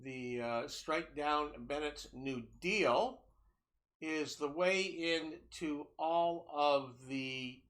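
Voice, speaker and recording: An older Canadian man hosting a game tutorial, talking in a rambling, folksy way with many small pauses and fillers. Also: fairly high pitch, a bit bright. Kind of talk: screen-recorded game tutorial.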